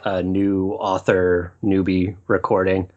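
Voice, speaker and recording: A man co-hosting a movie podcast, telling stories in a rambling, animated way. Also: sits low, slow pace, phone-quality sound. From Utah. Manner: rambling storyteller, animated when excited. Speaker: podcast co-host. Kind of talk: casual podcast chat. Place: Portland, Oregon.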